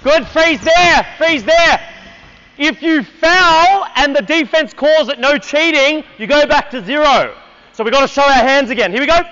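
A man's voice: very high-pitched, moderate pace, bright, forceful tone, highs cut off. A man coaching a basketball clinic on an indoor court, energetically calling out drills and counting down for players.

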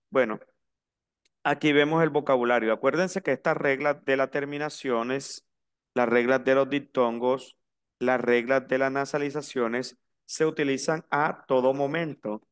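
Male language teacher, smooth clear voice, slow careful pronunciation drills. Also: medium pitch, steady tone. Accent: Latin American Spanish. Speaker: French teacher. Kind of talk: online language lesson.

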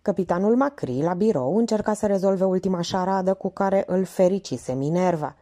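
A woman narrating an audiobook with expressive, varied intonation. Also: fairly low pitch. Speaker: audiobook reader.

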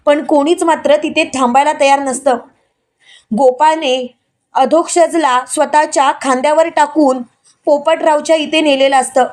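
Brief: woman storyteller, high voice, steady recap narration. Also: normal speed. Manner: steady storytelling, repeated linking phrases. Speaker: storyteller retelling a TV serial.

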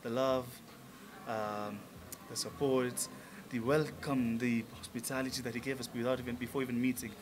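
Brief: enthusiastic male musician in his thirties, mid-pitched voice, clear restaurant chatter behind. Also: flat delivery, normal speed, background noise. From Tanzania. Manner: upbeat, enthusiastic, many fillers. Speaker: musician guest. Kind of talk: casual interview. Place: restaurant lounge, indoors. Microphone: table mic on stand.

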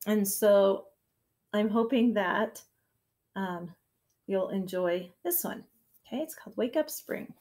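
A woman kindergarten teacher reading a picture book aloud to her class, gentle and expressive, sometimes dropping to a soft whisper. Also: mid-range voice, slow pace, long pauses. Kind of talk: storybook read-aloud for children.

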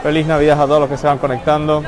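Rapid-fire and with little pitch movement, a higher-voiced man hosts a live walking tour of a bustling shopping mall, calling out viewers by name. He streams on a handheld phone, with loud crowd and mall noise all around.

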